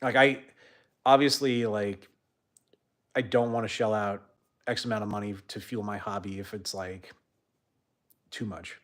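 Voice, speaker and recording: A young man hosting a casual livestream chat, rambling with many fillers and trailing off quietly at the ends of sentences. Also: fairly low pitch, fairly even intonation, measured pace, pauses often. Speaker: host.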